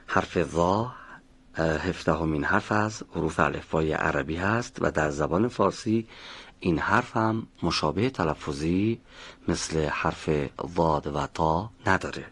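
A man's voice: deep voice, a bit bright, slightly rough. A man teaching the pronunciation of Arabic letters in a recorded lesson, methodically explaining mouth positions step by step and calling on students. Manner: models sounds slowly and calls on students.

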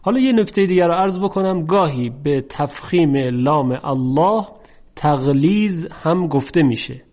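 A man teaching a lesson on Quran recitation rules, speaking slowly and carefully and drawing out the example words in chant. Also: fairly high pitch, animated, a little mellow. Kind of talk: tajweed lesson. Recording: dull lo-fi recording.

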